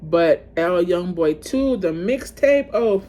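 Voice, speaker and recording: Slow-talking chatty woman vlogger. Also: on the low side, lively intonation, dark tone, faint music behind. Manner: chatty, emotional, addresses viewers as y'all. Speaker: music vlogger ranking albums. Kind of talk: casual chat to camera.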